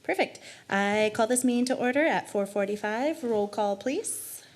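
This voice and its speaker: Woman running an official board meeting, calling items in a procedural way, average pitch. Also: normal speed. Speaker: commission chair. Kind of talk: formal public meeting procedure.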